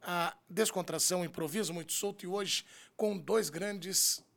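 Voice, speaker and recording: A man's voice: sits high, normal speed, creaky, a bit bright. A man with a Brazilian accent hosting a talk show, opening it theatrically in a showy ringmaster manner. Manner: showy ringmaster-style announcing.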